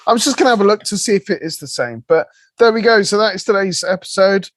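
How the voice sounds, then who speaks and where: Male podcast co-host, West Country English accent, higher register, conversational, very dry sound. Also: fast, no echo. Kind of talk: casual podcast chat.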